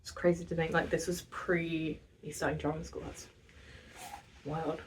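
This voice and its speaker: 19 y/o girl vlogging, chatty and self-deprecating, lowish voice, mic a bit far off. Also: flat delivery, normal speed, a little hiss or hum. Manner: chatty, self-mocking, laughs often. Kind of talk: casual vlog chat.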